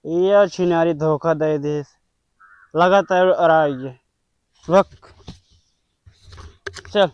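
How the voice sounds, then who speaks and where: A man's voice: on the high side, drawn-out words, long pauses, clean tone, dry recording, lo-fi sound. A man playing a drunk old villager who grumbles and rambles in an Awadhi accent, in an amateur rural comedy skit. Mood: irritated. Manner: town drunk, rambling and muttering to himself. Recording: noisy amateur location sound.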